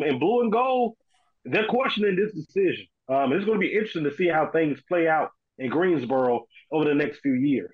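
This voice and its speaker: A man's voice: on the high side, breathy edge, phone-quality sound. A man giving casual, informal sports commentary as a panel analyst. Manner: informal, conversational, often says "man".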